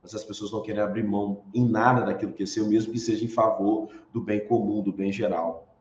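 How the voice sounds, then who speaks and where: In a recorded online university lecture, a man with a Brazilian Portuguese accent explains as he goes, posing rhetorical questions he answers himself and using frequent tag questions. His fairly low, darkish voice is fairly quick with fairly even intonation. The room echoes and the sound is dull and lo-fi.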